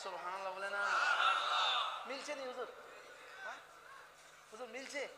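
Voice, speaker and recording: A man preaching a sermon to a large gathering, quizzing the crowd and rising to impassioned shouting. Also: very high voice, normal speed, heavy background noise. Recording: echoey hall-like reverb from a PA.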